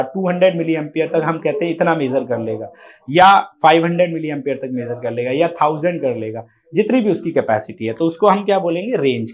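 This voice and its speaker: Man, high-pitched voice, exam coaching lecture, slow read-out definitions, frequent "theek hai". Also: a little mellow. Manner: explains step by step, often asks "theek hai" and "hai na"; switches between Hindi and English mid-sentence. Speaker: teacher.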